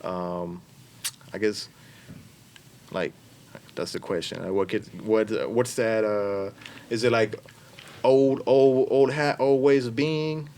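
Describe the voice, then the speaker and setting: A man's voice: on the low side, steady tone, takes it slowly, long pauses, darkish tone, slight background noise. A man hosting a casual podcast conversation, speaking hesitantly with many fillers and restarts. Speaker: podcast host. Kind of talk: casual interview chat.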